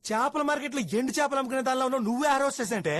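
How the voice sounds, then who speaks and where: A man's voice: very high voice, rapid-fire, a bit bright, dry recording. An actor playing a rude, arrogant young man who mocks his date and mixes English into his talk. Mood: scolding. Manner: mocking, rude, teasing, mixing English into the talk. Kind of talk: film dialogue.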